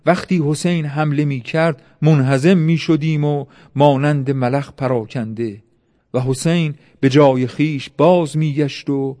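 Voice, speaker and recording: An awed soldier, voiced by a man reading recounts what he saw in a steady telling voice. The tone sits somewhat high. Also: lightly acted.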